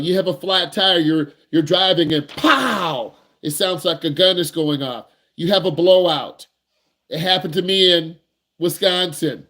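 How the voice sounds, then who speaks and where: A man teaching as a driving instructor, talking to camera in an animated, emphatic way and acting out nervous students now and then. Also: sits high. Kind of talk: energetic instructional talk to camera.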